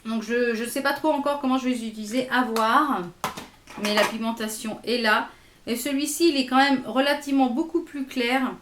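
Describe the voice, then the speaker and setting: A woman's voice: a little high, moderate pace, fairly bright tone, slight background noise. Chatty woman vlogger in an echoey room. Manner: chatty, hesitant with many fillers, swatching products on her arm. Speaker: beauty vlogger. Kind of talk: casual makeup haul chat.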